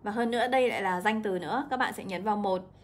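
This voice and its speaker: A young woman, an English teacher walking students through an exam, drawing out example words slowly. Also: mid-range voice. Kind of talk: exam walkthrough lesson.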